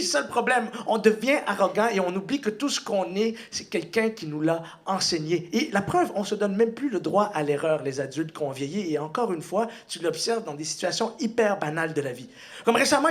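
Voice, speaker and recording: A young man with a Quebec French accent doing a stand-up routine in a comedy club, animated and breaking into shouted impressions. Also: fairly quick. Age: young adult. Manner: animated, bursts into shouted high-pitched impressions. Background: audience laughter.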